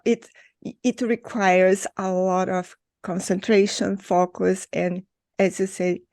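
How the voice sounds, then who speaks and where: Unhurried woman interviewer, dry close sound. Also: medium pitch, darkish tone, dry recording. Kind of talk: conversational interview.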